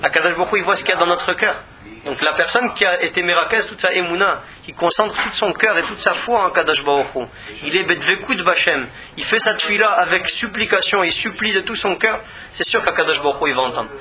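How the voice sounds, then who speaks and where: A man's voice: sits high, brisk, background noise. A man giving a religious Torah lesson in an earnest manner, often repeating words as he searches for the next one. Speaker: rabbi teaching Torah.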